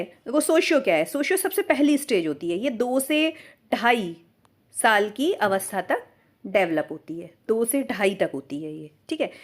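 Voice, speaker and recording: A woman teacher giving an exam-prep lecture, explaining step by step and often asking and answering her own questions. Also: fairly high pitch.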